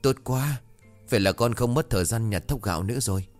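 A man's voice: medium pitch, fairly quick, long reverb tail, soft background music, natural voice. A man voicing a poor, timid young girl who pleads plaintively. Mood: relieved.

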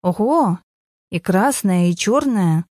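A woman's voice: medium pitch, lively intonation, darkish tone, no echo. A woman voicing a cool, sarcastic young mother brushing off her ex. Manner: dry, sarcastic, unhurried.

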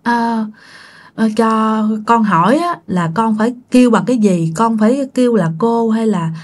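A woman's voice: on the high side, moderate pace, lightly acted. A woman voicing a frightened, polite young woman who stammers hesitantly. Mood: timid.

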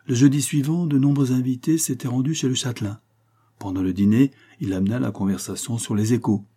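A man narrating a short story in a measured, even audiobook reading. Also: mid-range voice, slightly rough.

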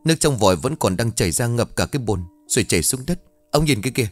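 A man's voice: medium pitch, animated, fast talker, faint music behind, voice pushed up, natural voice. A man voicing an anxious, tearful old grandmother in an audio story, wailing and fretful. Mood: panicked.

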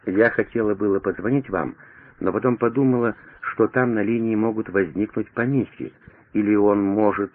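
A man's voice: lowish voice, steady tone, normal speed, close to an everyday voice. A man voicing a flustered female secretary who stammers out her words breathlessly, over a tinny radio broadcast.

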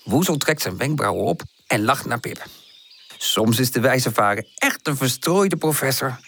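Brief: male narrator for a children's audiobook, animated, wide pitch range. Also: moderate pace. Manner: lively, expressive, shifts pitch for each animal character. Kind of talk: children's storybook reading with character voices.

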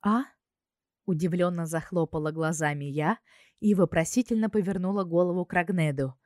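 A woman narrating a fantasy novel in the first person, reading calmly and expressively. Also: lowish voice, a little fast, no echo, clean studio sound. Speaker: audiobook narrator.

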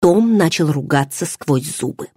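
A woman reads a first-person novel aloud in a low, husky voice with a very lively, rising and falling pitch. The sound is close and dry, with no room around it. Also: unhurried, no echo. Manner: expressive first-person storytelling. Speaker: audiobook narrator. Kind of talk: scripted narration.

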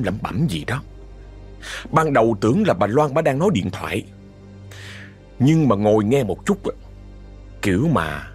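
A man's voice: medium pitch, a little mellow, breathy edge. A man with a Southern Vietnamese accent telling a ghost story in a chatty way, often speaking straight to his listeners. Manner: chatty, addresses listeners directly. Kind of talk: told horror story.

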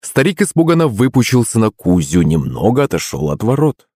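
A man's voice: fairly low pitch, huge pitch swings, brisk, darkish tone, slightly rough, dry recording, studio quality. A man narrating a first-person audiobook. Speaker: audiobook reader.

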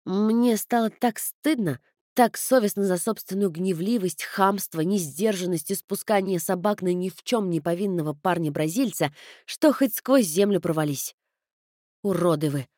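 A woman narrating a novel in the first person, raising her voice sharply into shouting for her own heroine's furious lines. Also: medium pitch, moderate pace, dry recording, studio quality. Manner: shifts into loud angry shouting for her character's lines. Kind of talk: audiobook narration of a romance novel.

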